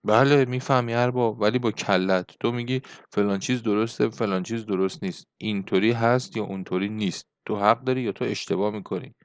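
A man voicing an older male Greek laborer in an audiobook, blunt and fiery, with a gruff, scornful manner. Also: fairly low pitch, few pauses, no echo, natural voice. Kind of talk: audiobook character reading.

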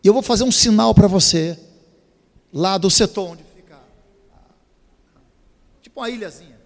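A man voicing a grateful, polite female flight attendant who talks in a calm, instructive way. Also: high-pitched, normal speed. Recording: reverberant hall.

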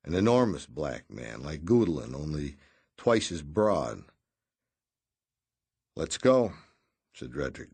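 Deep, husky man reading a novel. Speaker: audiobook narrator. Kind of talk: scripted narration.

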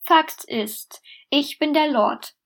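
Woman doing a bossy vain dragon guy, slow and crude, bit high. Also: creaky, full character voice. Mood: boastful.

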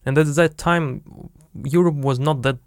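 A man's voice: a little high, fairly even intonation, unhurried, no room sound, studio quality. A young man from Siberia with a Russian accent, speaking hesitantly and searching for words in casual conversation.

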